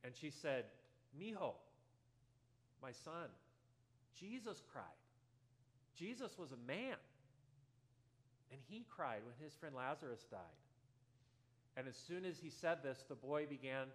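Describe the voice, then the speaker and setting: A male pastor preaching a sermon in a church, telling a story earnestly and going softer at tender moments. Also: medium pitch. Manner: earnest storytelling, drops softer for quoted lines.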